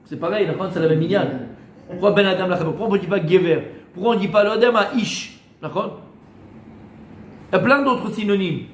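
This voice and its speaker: A man, a rabbi, giving a lively Torah class to a small group, teasing and quizzing them as he goes. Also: high voice, fairly quick, a little hiss or hum. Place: room with a small group of students. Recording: echoey room.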